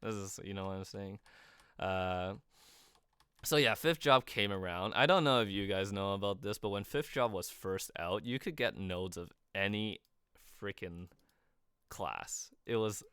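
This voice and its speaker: A young man talks through a game review on a livestream, looping back on himself with plenty of fillers and restarts. His voice sits a little low and comes across smooth and clear. The sound is dry and close, with no room around it. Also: unhurried, a bit bright, no echo. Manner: rambling, lots of filler words and restarts. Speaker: streamer. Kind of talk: casual livestream commentary.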